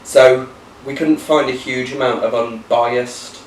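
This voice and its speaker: A man's voice: mid-range voice, fairly even intonation, takes it slowly. A man in his thirties from the UK, co-hosting a casual chat in a talkative, teasing way with plenty of fillers. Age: 30s. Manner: chatty and teasing, thinks aloud with many fillers. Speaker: co-host. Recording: roomy, distant camera with faint hiss.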